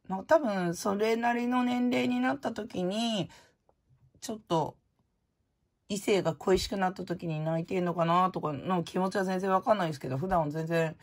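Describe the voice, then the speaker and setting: Woman vlogger, low husky voice, rambling frank casual chat. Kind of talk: casual chat while opening prizes.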